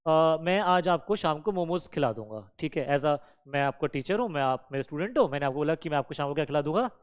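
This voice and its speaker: Guy teaching a law class, fairly high voice, very clear, keeps quizzing the kids and mixing in english. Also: expressive, fast talker. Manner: keeps quizzing students with questions and answering them himself; mixes English terms and sentences into his teaching. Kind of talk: classroom lecture.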